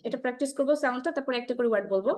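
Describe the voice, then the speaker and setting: A woman leads an English pronunciation class, her voice sitting a little high. She explains in Bengali peppered with English and slows down to repeat sounds for her students. She checks in with the group again and again as she goes. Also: a little mellow. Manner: explains in Bengali mixed with English, drills sounds slowly, checks with "ঠিক আছে?". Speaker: spoken English teacher. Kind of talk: online class lesson.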